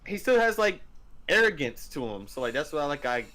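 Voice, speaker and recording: A young man with a lively, animated voice that sits a little high, teasing his friends in a loose podcast chat. He trips over his words and restarts often. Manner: teasing, joking, halting restarts. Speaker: podcast co-host. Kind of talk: casual chat.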